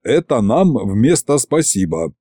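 A cheeky gluttonous three-headed dragon voiced by a man, higher and whinier than a normal voice, bouncing all over in pitch, squabbling chatter in a storybook reading. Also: expressive, unhurried, vocal fry, mellow, husky, no room sound, clean studio sound, full character voice. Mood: indignant.

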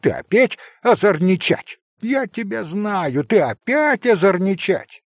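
A man's voice: high voice, sing-song, takes it slowly, no room sound, clean studio sound, pitched above the performer's own voice, exaggerated voice. A man voicing an irritated, dim-witted young shop clerk who blusters and repeats himself. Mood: irate. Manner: repetitive and blustering.

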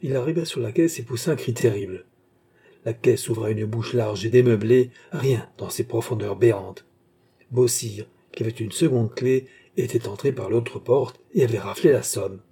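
A man narrating an audiobook in a measured, even storytelling manner. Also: mid-range voice, husky.

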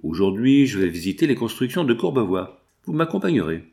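Un homme lisant à voix haute et prêtant sa voix à un millionnaire âgé, père inquiet qui cache un crime. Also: male voice, mid-range voice, sing-song, brisk, creaky, warm tone. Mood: posé. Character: homme riche âgé, père coupable et rongé de peur.

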